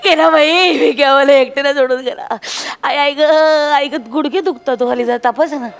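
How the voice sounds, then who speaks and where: A woman's voice: high voice, fairly even intonation, normal speed. A woman playing a pushy, overdramatic village auntie who whines and wails in a comedy sketch. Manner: brash, whiny, overdramatic wailing. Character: loud pushy village auntie, hypochondriac, nosy. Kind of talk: comic sketch acting.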